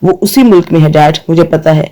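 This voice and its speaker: A man's voice: a little high, mellow, close to an everyday voice. A man voicing an angry, brooding young man who speaks bitterly and defiantly.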